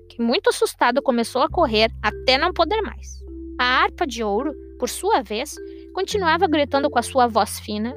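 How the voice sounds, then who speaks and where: A woman narrates a fairy tale for radio in an expressive, measured reading. Her voice sits high, and soft music plays faintly behind her. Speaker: storyteller.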